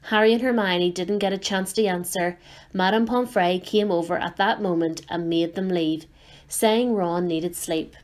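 A woman reading a children's novel aloud in a clear, steady, expressive way. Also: lowish voice, moderate pace. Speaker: storyteller.

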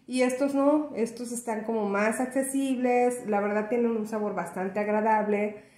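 Casual female vlogger, slightly high voice, echoey room. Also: fairly even intonation, normal speed, darkish tone. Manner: chatty, friendly, with frequent fillers and restarts. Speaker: vlogger reviewing a cereal. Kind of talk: casual product review vlog.

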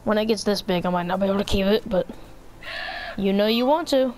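A woman casually chatting while she plays a video game, playful and excitable, thinking out loud. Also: mid-range voice, brisk. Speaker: gameplay player. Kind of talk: casual let's play chat.

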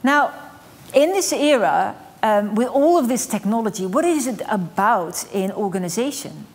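A middle-aged woman with a medium-pitched voice gives a conference keynote at a moderate pace on a stage in a dark studio with large screens. She's energetic and gestures as she explains, letting slip the odd "um."

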